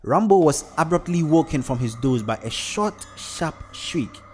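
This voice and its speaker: A man doing expressive scripted narration of a story. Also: on the high side, a little slow, soft background music. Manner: expressive, varied.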